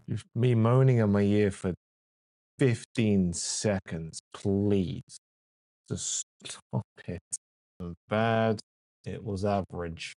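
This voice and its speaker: Slow-talking blunt, swearing man. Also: on the low side, dark tone, no room sound, studio quality. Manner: blunt, heavy swearing, exasperated outbursts. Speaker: music reviewer. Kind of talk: reaction and review. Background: faint music playing.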